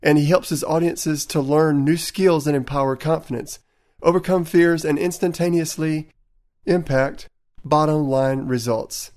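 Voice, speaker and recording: A man's voice: a little high, fairly even intonation, a little slow, darkish tone. A man with a Southern accent from Tennessee, hosting a sales podcast and interviewing a guest. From Tennessee, USA. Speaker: podcast host.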